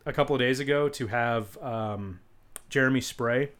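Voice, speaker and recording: A man's voice: medium pitch, moderate pace, a bit bright. A man co-hosting a podcast in casual chat, rambling and joking with many restarts. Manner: rambling, jokey, lots of restarts. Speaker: podcast co-host.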